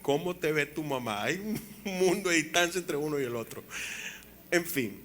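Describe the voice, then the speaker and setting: A man in his fifties preaching a sermon as pastor, animated, with acted quotes and rhetorical questions to the congregation. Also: on the high side, normal speed, slight background noise. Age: 50s. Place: church.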